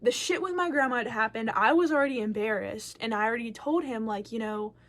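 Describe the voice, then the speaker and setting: Talking a little fast in a high-ish voice, a young woman vlogs a personal story to the camera in an animated way, her volume rising and falling. She's candid and casual, cursing freely and leaning on plenty of fillers.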